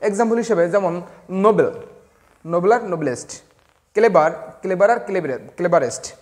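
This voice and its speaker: High-voiced man teaching grammar slowly. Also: a little mellow. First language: Bengali. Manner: slow and deliberate, spelling words letter by letter, with hesitations. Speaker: English teacher. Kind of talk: classroom grammar lesson.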